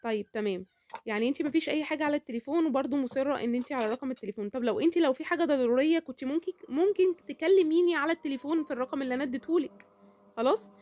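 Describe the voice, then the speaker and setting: Talking rapid-fire in a high, slightly mellow voice, this cooking vlogger has an Egyptian Arabic accent and chats casually. She repeats herself a lot and keeps asking "okay?".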